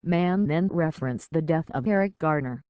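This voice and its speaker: A news narrator reads a scripted report at a mid pitch, neither high nor low. The delivery is even and measured, and the sound is dry and close, with no room echo. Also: clear, resonant tone, lo-fi sound.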